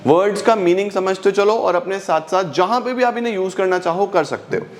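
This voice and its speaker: A man with an Indian accent teaching a vocabulary lesson, saying each Hindi word and then its English meaning, often repeating it slowly. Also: sits high.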